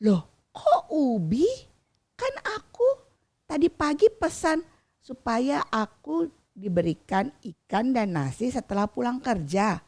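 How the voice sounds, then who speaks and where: A woman playing a worn-out fisherman home from the sea, his scolding leaping high and loud as his temper breaks. the storybook voice stays gravelly and raw. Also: very animated, slow, exaggerated voice. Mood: indignant. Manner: scolding, shouting. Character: tired angry fisherman father.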